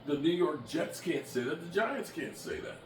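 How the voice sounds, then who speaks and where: A man's voice: fairly high pitch, animated, moderate pace, over music. A man in his late fifties chatting bluntly and emphatically as a sports vlogger, shifting from annoyed to heartfelt. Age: 50s. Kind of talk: casual chat to camera. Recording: echoey room from a distance with background noise.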